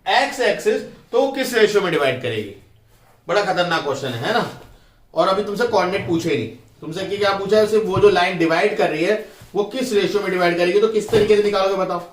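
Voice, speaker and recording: A man with a fairly high voice teaches a math class, walking through each step and firing quick questions at his students. He on terms. The sound is roomy and echoey, with him standing a bit back from the mic. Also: recorded from a distance.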